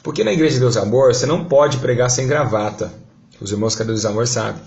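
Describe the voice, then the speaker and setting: A pastor with a Brazilian Portuguese accent gives a fervent testimony in a gravelly, fry-edged voice. He is middle-aged, and his pitch climbs as he recounts praying. The recording sounds dull and lo-fi. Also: fast talker, a little mellow. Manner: fervent storytelling, voice rising in prayer. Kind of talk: testimony preaching.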